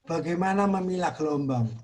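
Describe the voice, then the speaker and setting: An Indonesian man teaching in a religious study talk, earnest, softly repeating phrases for emphasis. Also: a little high, a little fast, crowd noise. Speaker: Islamic teacher.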